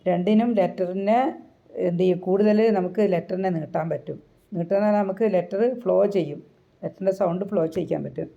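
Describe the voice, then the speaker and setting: Lowish woman voice, patient teacher explaining letter sounds, kinda muffled lo-fi audio. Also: steady tone, fast talker, creaky, warm tone. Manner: patient, repeats and checks with the listener. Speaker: Quran recitation teacher. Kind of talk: explanatory lesson.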